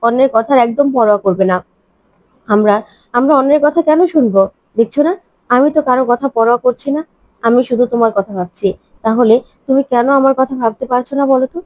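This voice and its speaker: In a slightly high, a little mellow voice close to everyday speech, with no echo, a woman plays an adult man who is hurt and defensive. He insists, rapidly pleading and reproaching in question after question, in a dry, dull recording.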